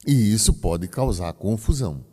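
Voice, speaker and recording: A man's voice: lowish voice, lively intonation, moderate pace, warm tone. A priest giving a teaching talk to a group, explaining with folksy asides to his listeners. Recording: long hall reverb.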